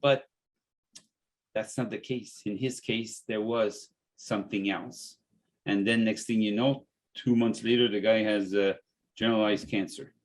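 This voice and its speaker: A man's voice: lowish voice, fairly even intonation, unhurried. A man hosting a casual health podcast who often stops and repeats words mid-sentence. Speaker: podcast host and natural health business owner.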